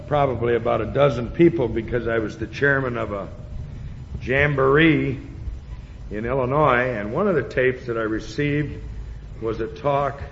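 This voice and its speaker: Guy introducing the guest speaker, kinda halting, big reverby hall, muffled tape. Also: medium pitch. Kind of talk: informal speech of introduction. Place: large meeting hall. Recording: echoey hall, dull noisy old tape.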